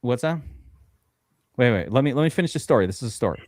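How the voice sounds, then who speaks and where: A podcast host from the USA chats casually on a live fantasy football draft stream, rambling through a long story laced with swear words and fillers. He's a fast talker with a mid-range, slightly mellow voice and lively intonation. The recording is studio quality, with no room sound.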